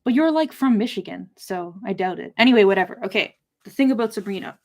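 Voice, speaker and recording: With a mid-range, animated voice and a quick pace, this young woman talks loosely to her live audience while hosting a book discussion stream. She rambles informally, wandering between topics.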